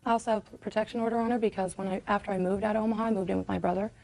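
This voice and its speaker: A woman's voice: medium pitch, steady tone, racing, creaky, a little mellow, slight background noise, low-quality recording. A woman litigant arguing her case before a TV judge. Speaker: litigant in TV court.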